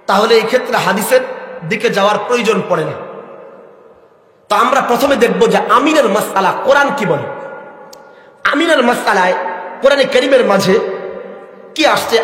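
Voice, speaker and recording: A man's voice: sits high, fairly bright tone, reverberant, long reverb tail. A man preaching a sermon to a live crowd, asking them questions and calling for replies. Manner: asks the crowd questions and has them answer. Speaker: Islamic preacher.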